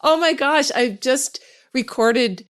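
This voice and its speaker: A woman's voice: high-pitched, slow, clear, resonant tone. A woman hosting a podcast interview, chatty and reflective as she talks and often affirms her guest. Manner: chatty and reflective, with frequent affirming murmurs and laughs. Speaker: podcast host.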